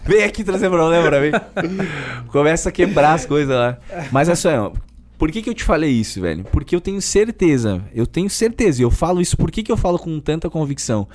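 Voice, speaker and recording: Man, Gaúcho accent, thirties, emphatic casual podcast talk, a bit high-pitched. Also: fairly quick. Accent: southern Brazilian (Gaúcho). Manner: emphatic, animated, colloquial, keeps saying "velho". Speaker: personal trainer guest.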